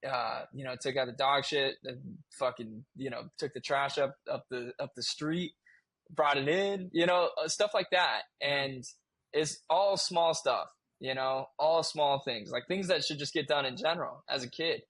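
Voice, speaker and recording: A man's voice: medium pitch, steady tone, moderate pace, fairly bright tone, slightly rough, no echo. A man in his twenties, a podcast guest, telling a personal story in casual chat, candid and swearing freely as he restarts his sentences.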